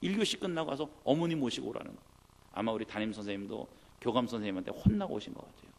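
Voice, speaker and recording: A middle-aged man, a pastor, preaching a sermon and telling a childhood story in an animated way, sometimes acting out his mother's prayers. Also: mid-range voice, very fast.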